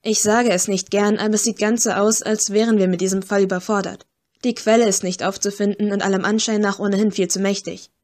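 A woman voicing a calm, commanding young man who leads a ghost-hunting agency in an audiobook. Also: medium pitch, brisk, lightly acted.

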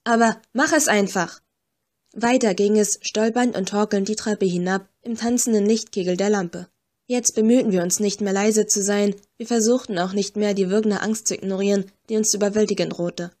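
A woman narrating a first-person audiobook with measured, tense storytelling. Her voice sits at a middle pitch for a woman. She reads steadily through the scene. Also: fairly even intonation, warm tone.

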